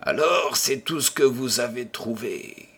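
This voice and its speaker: A man reading an audiobook and voicing a tormented old gambler who swings from hushed whispers to furious outbursts. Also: mid-range voice, expressive, a little slow, breathy edge. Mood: raging. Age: older. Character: raving old male gambler haunted by the devil.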